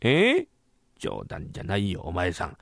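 A man voicing a stingy old merchant master in a rakugo story, low and lecturing. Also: huge pitch swings, moderate pace, gravelly, fairly bright tone, no echo, studio quality, exaggerated voice. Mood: scolding.

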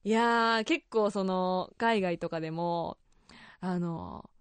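A woman's voice: fairly low pitch, takes it slowly, smooth, no room sound. A young woman with a Kansai accent hosting a radio show, chatty and laughing often. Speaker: radio host.

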